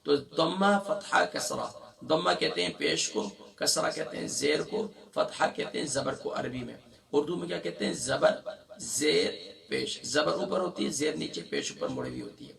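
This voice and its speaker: A man with a sore throat teaches Quran recitation, spelling out syllables slowly and then explaining quickly. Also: a little high, sing-song, gravelly, a bit bright, far from the mic. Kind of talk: spoken lesson with slow drawn-out recitation.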